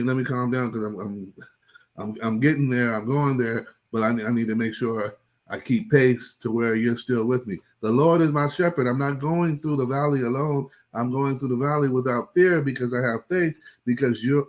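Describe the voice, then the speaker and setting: A man teaching a Bible study in an impassioned preaching style, repeating phrases, stumbling over restarts and often checking in with "right?". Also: medium pitch.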